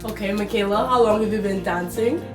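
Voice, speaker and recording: A woman's voice: medium pitch, brisk. Woman interviewer in an echoey room. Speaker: interviewer, podcast host. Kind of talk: interview questions. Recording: echoey room with faint music.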